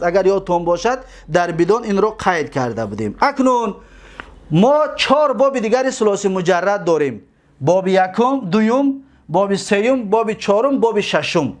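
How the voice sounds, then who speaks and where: A man teaching a grammar lesson, repeating word forms slowly and asking his own questions. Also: sits high, lively intonation.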